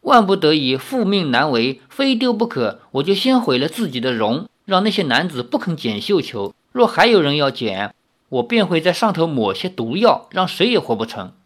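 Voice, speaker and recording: A man's voice: fairly high pitch, sing-song, normal speed. A man voicing a sweet, playful young woman who is devoted and fierce underneath, with a lilting, teasing delivery in an audiobook reading. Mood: earnest.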